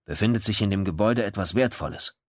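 A man's voice: lowish voice, fast, no room sound, clean studio sound, lightly acted. A man voicing a curt, persistent police chief inspector in a read-aloud story. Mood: firm. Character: insistent, blunt male police chief inspector.

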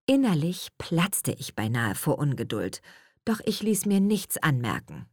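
A woman narrating a story in the first person, reading in a lively, expressive way. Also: sits low, a little slow, no echo, clean studio sound. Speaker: audiobook narrator.

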